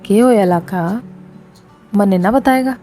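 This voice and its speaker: A woman voicing a patient, loving village father, coaxing and soft-spoken. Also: mid-range voice, measured pace, soft background music, natural voice.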